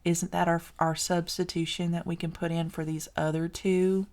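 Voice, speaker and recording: A woman's voice: fairly low pitch, little pitch movement, moderate pace, a little mellow. A woman with a Southern US accent teaching a casual recorded algebra lesson, chatty and encouraging, correcting herself as she works. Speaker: math teacher.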